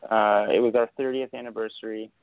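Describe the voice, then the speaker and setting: This is a casual interview with a young winemaker from Argentina who rambles, full of filler words and restarts. He speaks a bit quickly in a lowish, fairly flat voice. The thin, phone-style line is dry, without any echo.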